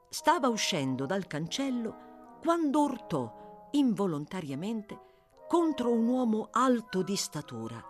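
Woman reading a novel, expressive. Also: fairly low pitch. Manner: expressive, measured storytelling. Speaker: audiobook reader. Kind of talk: dramatic literary reading for radio.

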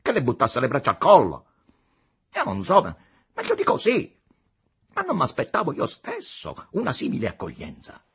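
A man voicing a middle-aged male politician, arrogant and scornful, with a husky, mocking, lecturing delivery. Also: on the high side, huge pitch swings, a little slow, a bit bright, voice pushed up, full character voice.

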